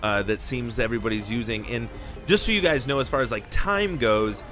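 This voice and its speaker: A man narrating a tabletop game as game master, relaxed and rambling. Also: mid-range voice, a little fast, over music.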